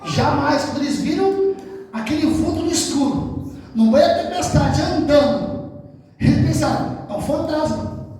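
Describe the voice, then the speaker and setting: Brazilian male preacher, loud and sing-song, jokey; distant mic in a long-reverb church hall. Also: very high voice, animated, normal speed. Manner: shouting, sing-song, joking. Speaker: pastor. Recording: echoey hall from far off.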